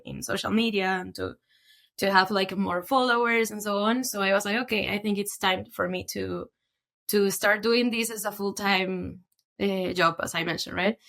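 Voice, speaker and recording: A young Peruvian woman with a medium-pitched, slightly bright voice tells her story as a podcast guest. Her conversational storytelling is chatty and full of fillers.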